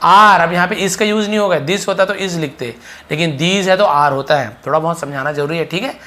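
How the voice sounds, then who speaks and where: A man teaching English, saying example sentences slowly and clearly, then explaining quickly and repeating phrases for practice. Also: fairly high pitch, sharp tone. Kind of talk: spoken English lesson.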